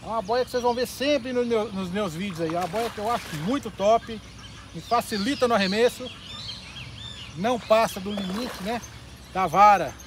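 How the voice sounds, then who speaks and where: Brazilian man, high light voice, exclamatory fishing vlogger at an outdoor pond, faint ambience behind. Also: noisy background. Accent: Brazilian Portuguese. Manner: exclamatory, repeats catchphrases, talks straight to viewers. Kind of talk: excited live fishing commentary.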